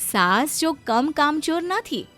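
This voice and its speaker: A woman narrating a cartoon story in a lively storytelling manner. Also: sits high, slow pace, over loud music.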